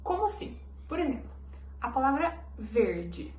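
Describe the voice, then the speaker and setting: A woman's voice: sits high, very animated, a little slow, darkish tone, slight background noise. A woman teaching a language lesson, patiently repeating each letter so students can copy it. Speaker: Spanish teacher. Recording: roomy echoey recording.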